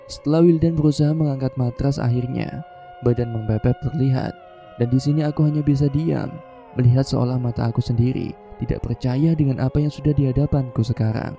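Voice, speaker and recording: A man telling a true-style horror story in first person, in slow, measured scripted narration. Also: medium pitch, steady tone, mellow. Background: faint background music.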